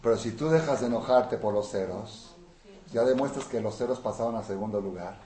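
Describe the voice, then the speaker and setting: A man teaching a Torah class as a rabbi. He swings between soft asides and loud, emphatic rhetorical questions. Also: lowish voice, brisk. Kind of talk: Torah lecture. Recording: roomy with faint noise.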